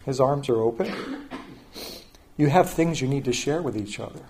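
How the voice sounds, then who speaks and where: An older man with a mid-range voice gives a sermon as pastor. He talks in an easy, conversational way and often sinks to a soft, quiet tone to make a point. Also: mid-range voice, lively intonation, normal speed, slight background noise. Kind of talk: sermon with personal story.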